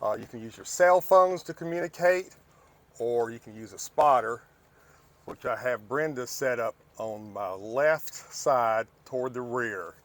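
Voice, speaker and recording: A man's voice: medium pitch, lively intonation, measured pace, a bit bright. A middle-aged man giving a casual step-by-step demonstration as an RV vlog host. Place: outdoors at a campsite and in an RV doorway. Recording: clear outdoor and vehicle noise.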